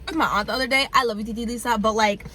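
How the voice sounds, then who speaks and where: A woman's voice: on the high side, steady tone, very fast, pushed and bright. A woman in her twenties chatting casually and cutting in, with slangy speech. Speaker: co-host. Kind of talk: casual chat.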